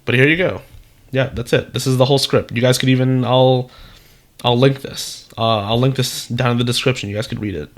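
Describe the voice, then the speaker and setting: A man's voice: medium pitch, fairly even intonation, fairly quick. A young man casually walking through a script on screen, rambling with lots of fillers and "right?", often apologizing and trailing off into a mutter. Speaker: copywriter teaching script writing. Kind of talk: casual screen-share tutorial.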